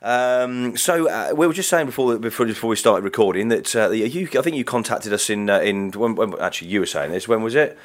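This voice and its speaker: Chatty low-pitched male host. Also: brisk, few pauses. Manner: chatty, repeats words and questions eagerly. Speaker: radio host. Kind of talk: casual chat interview.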